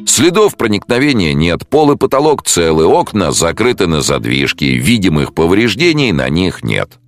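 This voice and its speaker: A man's voice: low-pitched, sing-song, moderate pace, soft background music, pitched above the performer's own voice. A man doing a stiff, officious police sergeant.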